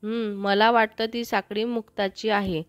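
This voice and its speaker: A woman's voice: mid-range voice, level tone, a little slow, dry recording, natural voice. A woman voicing a curious young female friend chatting on the phone in a storybook, casual in manner.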